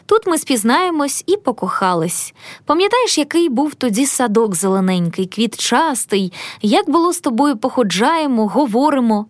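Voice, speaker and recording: A woman's voice: sits high, moderate pace, no echo. Woman reading as a tender young bridegroom. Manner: calm, tender. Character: young gentle lovestruck bridegroom.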